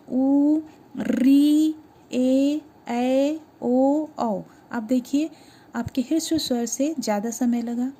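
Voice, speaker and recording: A woman with a slightly high, warm, husky voice teaches grammar to schoolchildren step by step. She asks questions and answers them herself, slowing down to sound out each letter.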